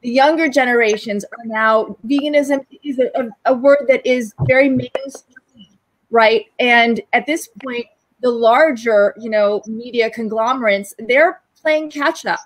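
A woman talks keenly on a video call from a room at home, making her points with drive. Her voice sits a little high. The sound is a plain webcam call. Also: a little slow, rough recording. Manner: enthusiastic, persuasive. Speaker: panel guest. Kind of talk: video call panel discussion.

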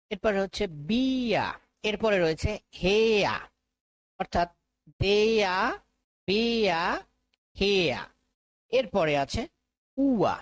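Bangladeshi woman drilling English sounds. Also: mid-range voice. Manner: slow drilled repetition of sounds. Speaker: teacher. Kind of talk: phonics lesson for teachers.

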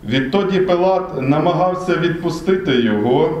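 Guy reading the passion story in church, slightly high voice, tons of echo. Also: animated, moderate pace, a little mellow, lo-fi sound, a little hiss or hum. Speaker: narrator of the Passion. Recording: very echoey church room.

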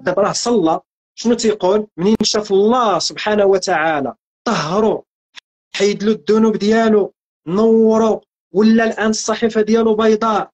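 A man's voice: sits high, a little mellow. Earnest Moroccan man preaching with repetition. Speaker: religious guest speaker. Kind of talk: spiritual teaching talk.

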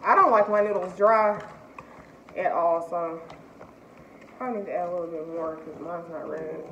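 A woman's voice: on the low side, moderate pace. A woman hosting a casual food challenge vlog, chatting to viewers. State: teary from spicy food. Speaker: vlogger. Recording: roomy, slightly dull, faint noise.

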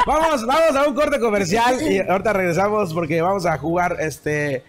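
A man's voice: sits high, moderate pace, background noise. A man hosting a talk show, chatting casually and laughing with a guest.

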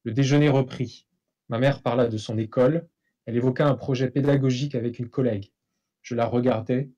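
Guy reading his own book out loud, steady, dark warm voice. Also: medium pitch, highs cut off. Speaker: author. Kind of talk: reading aloud from a novel.

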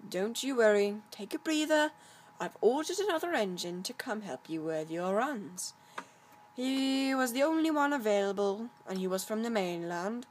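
A woman voicing a stern male railway controller who speaks firmly and calmly. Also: mid-range voice, moderate pace, a little hiss or hum, lightly acted. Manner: firm, calm, commanding. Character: stern booming railway boss man.

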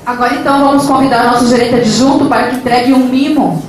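A woman's voice: sits high, fast. A young woman presenting at a ceremony into a handheld mic in a large meeting room, with frequent tags and fillers. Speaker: event presenter. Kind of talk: ceremony hosting. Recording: echoey room with background noise.

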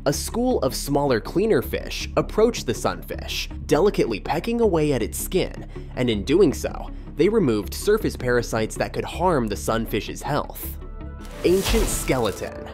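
Nature documentary narrator: dramatic scripted voice-over with wide, animated pitch swings, set over music. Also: moderate pace, hardly any pauses. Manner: dramatic, presentational delivery. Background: background music.

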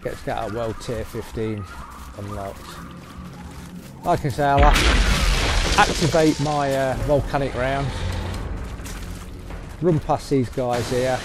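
Taking it slowly and pausing at length, the host meanders through his gameplay in a mid-range voice. His voice-over on gameplay capture competes with loud game music.

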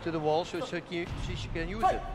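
A man's voice: on the high side, a little fast, noisy background. A man giving enthusiastic, exclamatory colour commentary on a fight in a conversational way.

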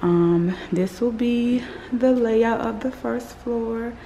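A woman in her thirties chats casually to her phone camera, held at arm's length, rambling with fillers in typical vlog style as she moves from a parked car to an unfinished house. Her voice sits on the high side with a dark tone, and she takes it slowly. There's a little hiss or hum on the recording.

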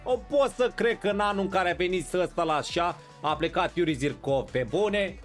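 A man's voice: high-pitched, soft background music. A man streaming a football video game live, bantering with his chat and playing up mock outrage. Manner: banters and greets viewers in chat.

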